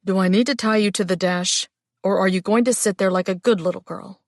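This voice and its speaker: A woman's voice: medium pitch, fairly even intonation, brisk, no room sound, studio quality, natural voice. A woman narrator voicing a stern, teasing, dominant male werewolf shapeshifter in an audiobook. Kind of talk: audiobook character dialogue.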